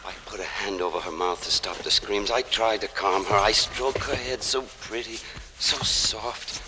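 A man's voice: fairly low pitch, normal speed, heavy background noise, lightly acted. A man playing a tormented, pleading, vengeful monster in a theatrical horror monologue, with an anguished delivery that moves between whispers and cries. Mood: tender anguish. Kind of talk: dramatic monologue, horror audio drama.

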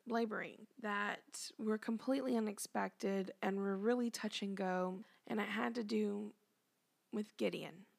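A woman telling the story of her son's birth as an earnest faith testimony, often dropping to a soft whisper. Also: mid-range voice, creaky.

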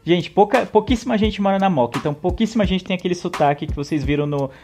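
A man's voice: sits high, quick pace, mellow, soft background music. A man with a Brazilian Portuguese accent from São Paulo, chatting casually in slangy speech as a podcast co-host.

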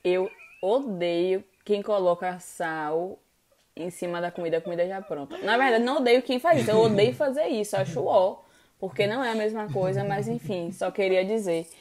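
A woman's voice: mid-range voice, moderate pace, crowd noise. A young woman, a co-host chatting casually and teasing her partner during a word game. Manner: teasing, mock-dramatic. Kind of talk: casual chat while playing a word game.

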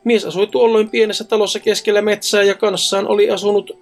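A man's voice: high voice, little pitch movement. A man reading ghost stories aloud in a casual podcast chat, adding wry jokes between them. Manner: joking, wry asides. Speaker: co-host reading listener stories.

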